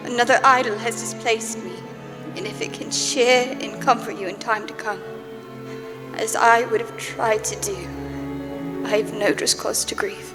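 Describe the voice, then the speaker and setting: A sorrowful young fiancée played by a woman speaks tenderly and resolutely in a live radio play. The voice sits a little high, pained and deliberate. It rings in a reverberant hall with music clearly underneath. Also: lightly acted. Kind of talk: live radio drama of a classic story.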